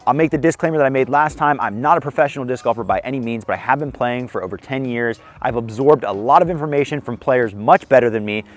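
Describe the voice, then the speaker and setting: Out on a disc golf course, a young male vlog host gives casual tips in a mid-range, slightly hoarse voice. He talks quickly with few pauses, staying friendly and poking fun at himself as he explains.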